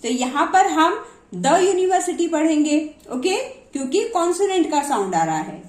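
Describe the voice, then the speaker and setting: A woman's voice: high voice, very animated, normal speed. A woman teaching English pronunciation, explaining in a mix of Hindi and English and asking and answering her own questions. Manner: mixes Hindi and English words. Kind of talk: slow explanatory lesson. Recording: echoey room.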